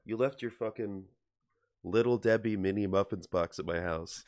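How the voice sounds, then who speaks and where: A man from Wisconsin co-hosting a casual podcast chat, speaking in a dry, laid-back way and often dropping into quiet, mumbled asides. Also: on the low side, moderate pace. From Wisconsin, USA. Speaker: podcast co-host.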